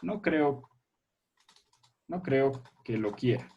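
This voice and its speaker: A man with a husky, slightly breathy voice teaches a primary school class over a video call. He explains patiently, one step at a time, and keeps checking with his pupils through questions. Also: medium pitch, expressive, extremely slow, dull audio.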